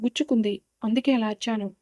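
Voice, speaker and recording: A woman's voice: fairly high pitch, fairly even intonation, fast, mellow, no room sound, clean studio sound, close to an everyday voice. Storybook role: woman voicing a curious young girl, pestering, bewildered, raised voice. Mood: astonished.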